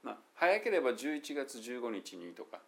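A man with a Kansai Japanese accent giving a casual, chatty English pronunciation lesson, slowly sounding out English words to demonstrate them. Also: mid-range voice, very animated, creaky, fairly bright tone. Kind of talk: casual solo lesson talk.

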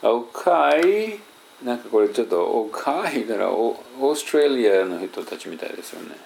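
A man's voice: fairly low pitch, animated, a little fast, gravelly, darkish tone, a little hiss or hum. A man with a Kansai Japanese accent hosts a casual chat and answers listener questions in a rambling, hesitant way full of fillers. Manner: rambling, hesitant, many fillers, mixes in English phrases.

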